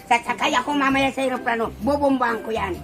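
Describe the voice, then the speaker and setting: A woman's voice: high-pitched, steady tone, fast talker. An elderly grandmother ranting in a rambling, accusing way, agitated and confused. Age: older. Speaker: grandmother being filmed. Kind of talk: heated rambling outburst.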